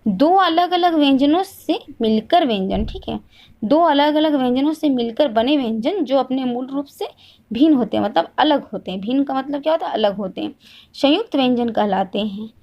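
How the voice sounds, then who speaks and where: Woman, teacher, fairly high voice, asks and answers herself, repetitive drilling lesson. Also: expressive, normal speed, dull audio. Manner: asks questions and answers them herself, repeats each point. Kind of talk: classroom lesson.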